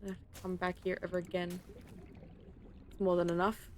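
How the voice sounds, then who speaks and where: A woman's voice: on the low side, monotone, moderate pace, darkish tone, slight background noise. A woman streaming a video game, talking to herself in casual commentary, often frustrated and swearing.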